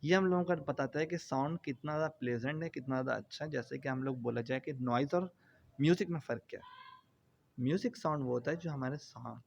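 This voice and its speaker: A man's voice: medium pitch, a little fast, creaky. A man giving a classroom physics lecture, explaining step by step with everyday examples. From Pakistan. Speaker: physics teacher. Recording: dull lo-fi sound with faint noise.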